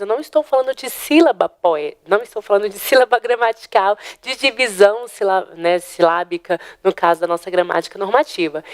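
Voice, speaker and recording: A woman's voice: medium pitch, no room sound, clean studio sound. A Brazilian woman teaching an exam-prep lesson, explaining step by step and checking in often with the class. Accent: Brazilian Portuguese. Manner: counts syllables aloud slowly.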